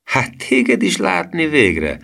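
Gentle storybook aunt, friendly and soothing, male narrator. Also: deep voice, big pitch swings, gravelly, full character voice. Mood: kindly.

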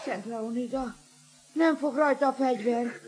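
A woman's voice: high voice, darkish tone, soft background music, lightly acted. A woman playing a feisty old woman. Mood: aghast. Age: older. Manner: frantic exclamations. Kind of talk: radio play acting. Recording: noisy radio play recording.

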